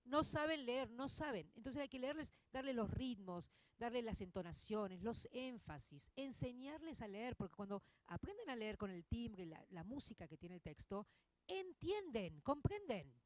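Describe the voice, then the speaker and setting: Woman, Argentine accent, 50s, public lecture, expressive, tag questions, dry recording. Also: fairly high pitch, moderate pace, no echo. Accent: Argentine Spanish. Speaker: literature teacher giving a public talk. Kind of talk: conversational lecture to an audience.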